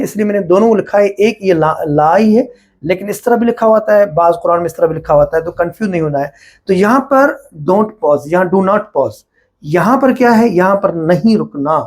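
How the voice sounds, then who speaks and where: A man's voice: sits high, a little mellow. A man from Pakistan with a Pakistani accent, a Quran teacher giving a patient whiteboard lesson and slipping English terms into his explanations.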